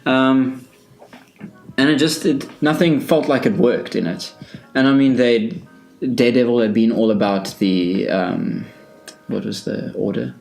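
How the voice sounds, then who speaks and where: A man's voice: medium pitch, a little slow, vocal fry, a little mellow, faint music behind, poor audio. A man co-hosting a podcast in casual chat, giving strong opinions and thinking aloud with frequent restarts. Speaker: podcast co-host.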